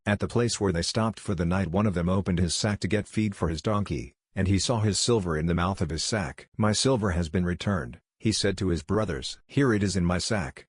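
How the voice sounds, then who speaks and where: A man with a very low voice reads scripture aloud in a steady, measured way. His reading stays even, even through the quoted speech. The sound is close and dry, with no room around it. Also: dry recording. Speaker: Bible reader.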